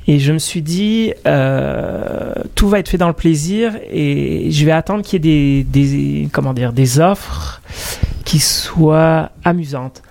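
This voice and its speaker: A man's voice: fairly high pitch, slow, creaky, darkish tone. A man from France talking casually as an interview guest, hesitant and often searching for words.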